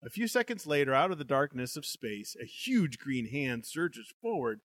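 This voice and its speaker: A man's voice: medium pitch, very animated, moderate pace, fairly bright tone, no room sound, clean studio sound. A young man co-hosting a show, reading a gamebook aloud with banter and frequent laughs. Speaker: podcast co-host reading a gamebook.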